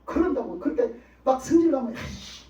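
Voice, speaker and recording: An animated male pastor, his very high voice darkish in tone, preaches fairly quickly and emphatically, leaning on repeated rhetorical questions. The sermon comes through muffled and dull, from far away in an echoey sanctuary.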